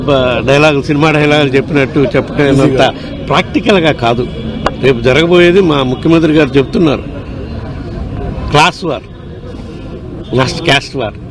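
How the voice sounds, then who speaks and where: A man member of parliament giving halting press remarks that break off and restart, recorded outdoors. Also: a little high. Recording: outdoor interview with a loud crowd around.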